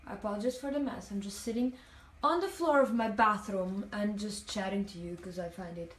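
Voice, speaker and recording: Brisk and a bit bright, this young woman's mid-range voice carries her casual, filler-heavy chat as she reads comments aloud on a phone livestream. She's from Italian-speaking Switzerland and her first language is Italian. Sitting on the floor of a hotel bathroom, she talks into a mirror with the phone at arm's length, and the tiled room echoes around the distant mic.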